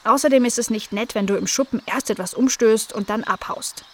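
A woman's voice: on the high side, fairly quick, fairly bright tone, slight background noise, natural voice. A woman doing an eager young dog girl. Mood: scolding. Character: friendly young female dog, garden owner.

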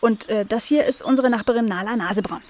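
A woman voicing an eager, cheerful young female animal in a children's story, calling out excitedly. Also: a little high, fast talker, close to an everyday voice.

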